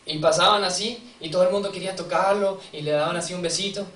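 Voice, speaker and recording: Male preacher, slightly higher voice, chatty storytelling sermon, picked up from a distance in an echoey church. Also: steady tone, fast talker, a bit bright. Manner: conversational storytelling, acting out quotes, asking the congregation questions. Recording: distant mic in a reverberant church, faint ambience.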